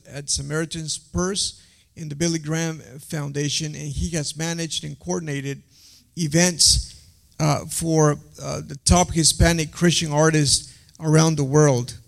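A young man hosting an interview, his voice sitting fairly high but with a gravelly, creaky edge. He moves through guest introductions with plenty of small hesitations and fillers. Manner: reads introductions with frequent uh fillers. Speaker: host.

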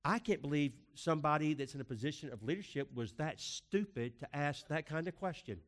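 A man's voice: a little high, animated, brisk. A man preaching a sermon as a pastor, emphatic, with rhetorical questions and swings in pace.

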